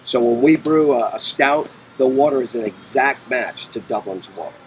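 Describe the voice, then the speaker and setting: A man's voice: medium pitch, normal speed, a little hiss or hum, rough recording. Matter-of-fact middle-aged man explaining. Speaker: brewery owner. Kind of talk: casual interview. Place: outdoor patio by a brick wall.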